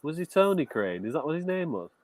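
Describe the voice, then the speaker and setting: A man's voice: on the high side, big pitch swings, fast, crowd noise. A man chatting casually on a podcast, joking and slipping into playful put-on accents.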